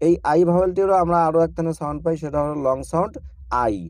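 A man's voice: on the high side, fairly even intonation, very fast, darkish tone, no echo. A man teaching children English letter sounds in a patient, repetitive lesson style. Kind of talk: slow phonics lesson for children.

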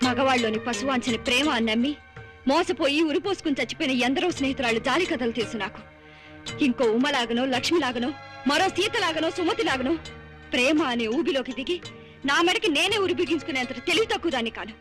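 A woman's voice: high voice, lively intonation, fast, a bit bright, soft background music. A stern young woman spurning a suitor. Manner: firm, reproachful. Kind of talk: Telugu film drama.

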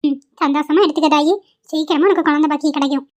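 A woman's voice: high voice, steady tone, fast, lightly acted. A woman voicing a kindly old grandmother who sells flowers in a cartoon, with a coaxing, folksy way of talking. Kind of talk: cartoon voice acting.

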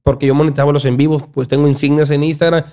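A young man with a Sinaloa Mexican Spanish accent, talking casually on a podcast in a small studio, animated and often restarting his words. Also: a little high, racing. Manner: animated, gestures a lot, repeats and restarts words. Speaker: podcast guest, content creator. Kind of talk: casual chat. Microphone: studio mic on boom arm, headphones.

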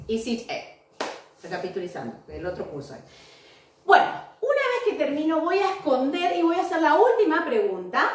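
A woman teacher speaks in a high, very animated voice, drawing out model phrases slowly for young learners. She sounds set back from the mic in a strongly echoing room. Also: recorded from a distance. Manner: slow, exaggerated modeling of English phrases. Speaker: English teacher. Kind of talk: recorded online lesson for young children.

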